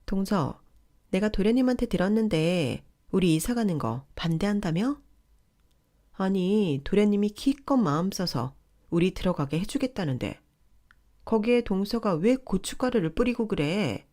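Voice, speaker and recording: A woman voicing a pushy, condescending older sister-in-law who scolds in a shrill, entitled way. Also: animated, normal speed, dark tone, close to an everyday voice. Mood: scolding.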